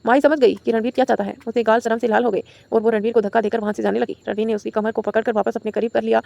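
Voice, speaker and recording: A woman reading a romantic audio novel aloud as the channel's storyteller, in a brisk, steady voice. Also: a little high, gravelly, no room sound, lo-fi sound.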